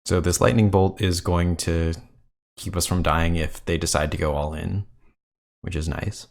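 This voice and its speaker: Low-pitched and gravelly, this gameplay commentator talks through his card game at a moderate pace and in a steady tone. He considers every move out loud, musing thoughtfully and counting quietly to himself.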